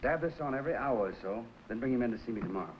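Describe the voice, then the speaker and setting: An actor playing an easygoing young country doctor with a Southern accent and a folksy drawl, in a 1950s TV western. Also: male voice, medium pitch, expressive, racing, a little hiss or hum, lightly acted. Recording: dull lo-fi old TV soundtrack.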